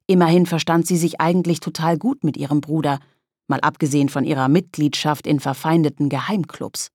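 Low, husky woman reading a children's story. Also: brisk, no echo, clean studio sound. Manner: lively storytelling. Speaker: audiobook narrator. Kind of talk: scripted narration of a children's story.

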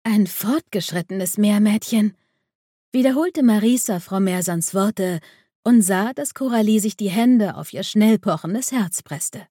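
A woman reads a children's audiobook in a gentle storytelling manner. Her voice is mellow and dark rather than bright. The sound is dry, with no room around it. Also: medium pitch, expressive, measured pace, no room sound. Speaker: narrator.

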